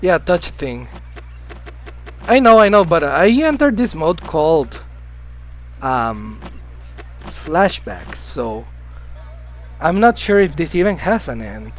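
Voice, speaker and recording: Rambling casually on a game live stream, a native Spanish speaker greets his viewers, answers chat, and coughs now and then because he's been ill. His fairly high voice is sing-song and slow with frequent pauses, over soft background music on a rough recording.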